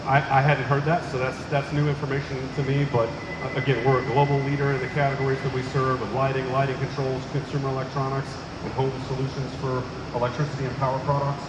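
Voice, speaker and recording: Fast-talking man in an echoey warehouse. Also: medium pitch, level tone. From Oklahoma. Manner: fast, with many restarts and fillers. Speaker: company executive. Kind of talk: answering press questions. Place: inside a large warehouse. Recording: echoey warehouse with loud machine hum.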